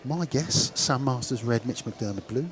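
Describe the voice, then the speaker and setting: Expressive and mid-range, his voice moves at a normal speed with soft music playing underneath. He's a West Country Englishman hosting a stream and commentating on speedway in a loose, conversational style, surrounded by crowd noise at an outdoor stadium.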